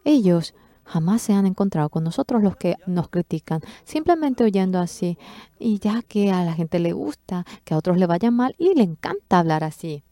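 A woman interprets a sermon testimony at normal speed, captured in a dry recording. She's expressive, acting out quoted speech with sudden leaps in pitch.

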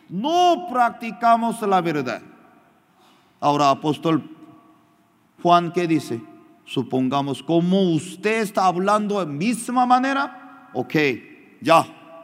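Slow, animated man preaching in a reverberant hall. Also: high voice. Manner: animated, emphatic preaching with storytelling asides. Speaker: pastor. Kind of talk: sermon.

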